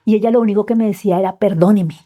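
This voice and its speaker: A woman telling a personal story as a podcast guest, heartfelt and often dropping to soft near-whispers. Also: medium pitch, fairly even intonation, very fast.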